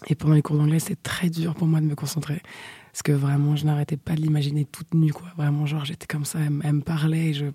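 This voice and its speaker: A young woman telling a frank personal story in casual chat, chatty with many fillers, often dropping into breathy half-whispers. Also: low voice, level tone, fast, dark tone, dry recording. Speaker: storyteller guest.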